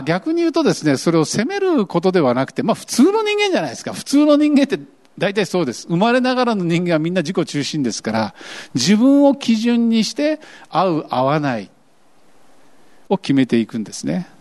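A man preaching a sermon as pastor, acting out grumbling voices as he tells it, with a lilt. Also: sits high. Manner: animated, acts out quoted grumbling voices.

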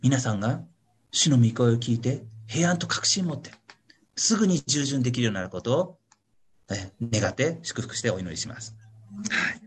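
In an online meeting with his congregation, a pastor leads a Bible study, delivering a casual teaching sermon in a mid-range male voice with lively intonation at normal speed. A little hiss or hum sits under the recording. Chatty and playful, he constantly adds a questioning "ne" tag to his sentences and performs small voices to illustrate his examples.

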